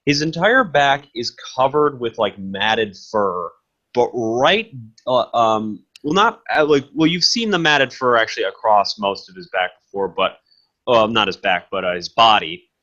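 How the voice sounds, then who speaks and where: A man narrating a tabletop game as game master, improvising and often halting to search for words. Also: mid-range voice, expressive, bright, forceful tone, dull audio.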